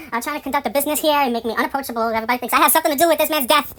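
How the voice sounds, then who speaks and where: Her words racing, a woman rambles through a casual story full of swearing and indignation, her voice climbing high and loud whenever something outrages her.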